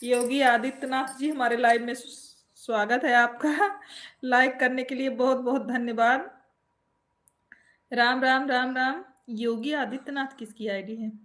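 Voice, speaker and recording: A woman's voice: sits high, steady tone, unhurried, a bit bright. Playful woman hosting a live stream. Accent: Awadhi. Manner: playful teasing, greets viewers by name. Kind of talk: casual live-stream chat reading viewer comments.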